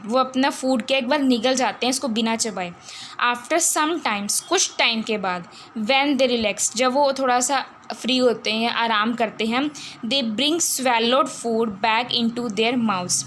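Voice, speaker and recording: A woman with an Indian accent teaching a science lesson, reading English lines slowly and then explaining them in Hindi mixed with English, asking herself questions and repeating words. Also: a little high, fairly bright tone, slight background noise.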